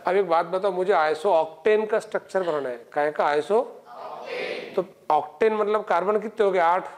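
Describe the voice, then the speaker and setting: A man's voice: sits high, unhurried. A middle-aged man teaching chemistry in a coaching classroom, lecturing and quizzing students with constant checks. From India.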